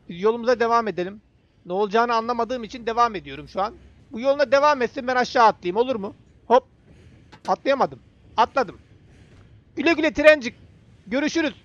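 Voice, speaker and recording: Young man, very high voice, gameplay chatter, dry dull recording. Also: a bit bright, dry recording. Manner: chatty, talks to the game character and viewers. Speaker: gaming YouTuber. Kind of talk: casual gameplay commentary.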